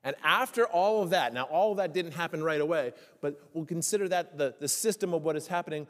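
Male pastor preaching, slightly high voice, emphatic questions, slows on key lines, long church echo. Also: fairly bright tone. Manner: asks the congregation many rhetorical questions; slows down to stress key phrases. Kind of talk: sermon. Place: church sanctuary.

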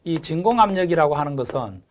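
A middle-aged man giving a recorded exam-prep lecture, repeating key terms, filling pauses with a drawn-out "에" and checking in with "그죠?" after each point. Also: fairly high pitch, expressive, slight background noise. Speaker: lecturer for a gas engineering exam course.

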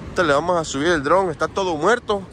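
Here a young vlogger with a Mexican accent talks to his audience as he walks a border wall on the coast, slangy and full of jokes. He sounds a little high, fast and fairly bright. It's a low-quality recording, windy, with crashing waves audible.

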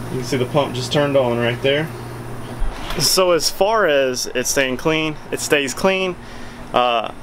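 A man's voice: mid-range voice, noisy background. Chatty man on a patio. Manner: chatty, filler-heavy, folksy. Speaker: vlogger reviewing a product. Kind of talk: casual product review vlog. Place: covered backyard patio, outdoors. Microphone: handheld camera at arm's length.

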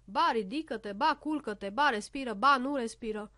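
A restless little storybook boy stuck in a hospital bed, grumbling and pleading in a high voice, as a woman reads his part. The sound is close and dry. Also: bright, forceful tone, no echo.

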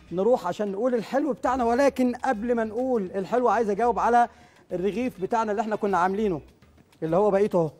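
Brisk Egyptian chef hosting a cooking show. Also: male voice, high voice, a little mellow. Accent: Egyptian Arabic. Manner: brisk, chatty, explains recipes while cooking. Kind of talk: live studio cooking show. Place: large TV studio kitchen. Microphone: lapel mic.

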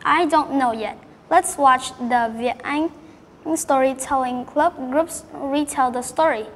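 A woman hosts a storytelling show with upbeat, scripted lines. Her voice is high and rings with a long echo over faint background noise. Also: measured pace. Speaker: host.

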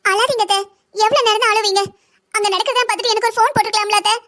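A woman playing a meek young daughter-in-law in a cartoon drama, gently pleading with her elders. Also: very high voice, fairly even intonation, very fast.

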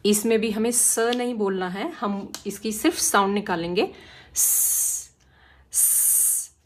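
A woman's voice: mid-range voice, moderate pace, a little hiss or hum. A woman teaching phonics, explaining each letter patiently and demonstrating its sound again and again. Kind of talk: slow, careful phonics lesson.

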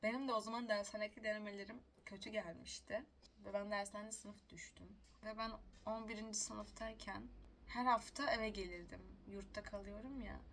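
A woman's voice: medium pitch, fairly even intonation, a little fast, a bit bright. A young woman telling stories casually to the camera, chatty and self-mocking, laughing often. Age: young adult. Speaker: vlogger.

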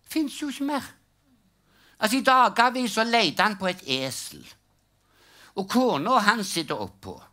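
Older guy doing standup, bright lively voice, dry jokey storytelling. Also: high-pitched, long pauses. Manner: dry storytelling with acted punchlines. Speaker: stand-up comedian. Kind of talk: live stand-up routine telling religious jokes. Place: live comedy stage.

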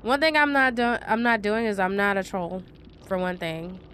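A woman's voice: mid-range voice, fairly even intonation, moderate pace, fairly bright tone, a little hiss or hum. A young woman retelling a game match in casual, chatty commentary, full of fillers and sarcastic asides. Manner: chatty storytelling with many fillers. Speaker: gaming vlogger.

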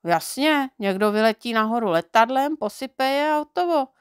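A woman's voice: fairly high pitch, animated, clear, resonant tone, no room sound, studio quality, lightly acted. A woman voicing a friendly, chatty male driver in a storybook reading, explaining things at length.

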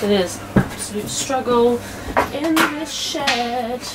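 A woman's voice: fairly high pitch, slow, very noisy. A young woman, vlogging casually while building a motorcycle in a cluttered shed, blunt and sweary, talking to herself as she works.

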